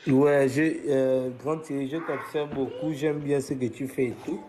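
A man's voice: medium pitch, steady tone, a little slow, a little hiss or hum. Hesitant man calling into a live debate. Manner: hesitant, many "euh" fillers, quiet at first. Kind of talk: casual call-in argument.

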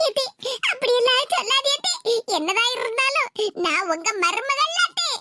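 A woman voicing a sly, pleading young daughter-in-law with a Tirunelveli accent in an animated cartoon. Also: very high-pitched, brisk. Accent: Tirunelveli Tamil. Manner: whiny, begging. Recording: hissy home recording.

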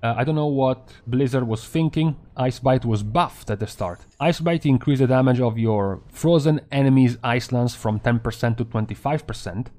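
Man, young adult, gaming commentary, brisk, sarcastic, mid-pitched voice. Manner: brisk, sarcastic, lively delivery. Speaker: video game commentator. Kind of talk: gaming patch-notes commentary.

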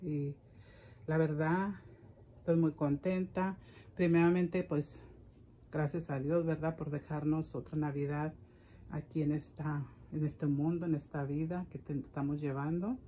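A middle-aged vlogger chats casually about a gift haul at home, rambling and going back over her words. She speaks low and unhurried, with a dark tone and fairly even intonation, and a little hiss or hum is audible.

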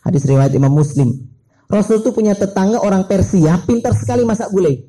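High-pitched, mellow-voiced male preacher. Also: expressive, a little fast, husky, low-quality recording. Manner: playful, joking asides to the audience. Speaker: Islamic preacher. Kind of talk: lively humorous sermon.

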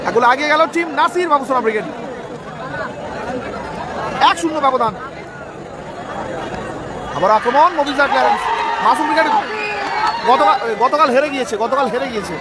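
A man giving frantic live football commentary outdoors, excitable and repeating names and exclamations. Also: very high voice, fairly quick, long pauses. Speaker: live football match commentator and stream host. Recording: noisy outdoor ground with loud crowd. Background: loud crowd and outdoor noise.

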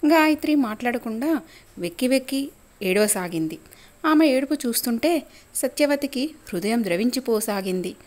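A woman narrating a dramatic family story in a steady, expressive storyteller's manner. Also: fairly high pitch, moderate pace.

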